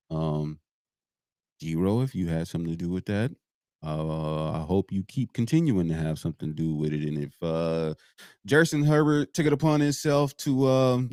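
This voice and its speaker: A man co-hosting a podcast, giving relaxed sports opinions with plenty of fillers. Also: low-pitched, clear, resonant tone, dry recording, clean studio sound. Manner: relaxed, drawn-out, many fillers. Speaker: podcast co-host. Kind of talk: casual sports chat.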